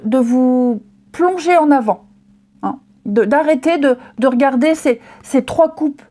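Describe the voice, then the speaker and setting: Woman tarot reader, high voice with a mellow tone, chatty and reassuring, lots of hesitations. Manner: chatty, reassuring, many fillers and restarts. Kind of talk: casual tarot reading to camera.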